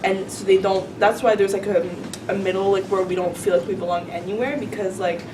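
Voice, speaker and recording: A young woman student gives her view on a panel in an animated, opinionated way, peppering her talk with "like". She is picked up from a distance. Steady background noise can be heard. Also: medium pitch, fairly quick. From Canada. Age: young adult. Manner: animated and opinionated, heavy use of "like". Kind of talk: panel discussion.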